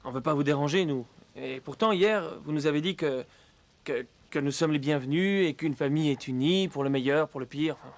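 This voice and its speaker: A man's voice: fairly high pitch, a little fast, natural voice. An actor in a French telenovela dub playing a nephew who grudgingly gives in and answers back to his aunt. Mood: sarcastic.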